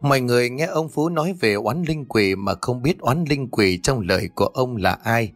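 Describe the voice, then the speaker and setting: A man narrating a ghost story in a steady storytelling manner. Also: mid-range voice, normal speed, no echo. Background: faint music.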